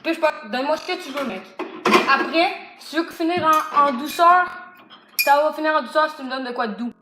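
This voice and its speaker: A woman's voice: high-pitched, a little fast. A woman with a Québécois accent, bossing and teasing a friend through a filmed food challenge, swearing freely. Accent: Québécois French. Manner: bossy, teasing, swears a lot. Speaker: vlogger filming a food challenge. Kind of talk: rowdy casual banter. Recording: echoey room with loud noise.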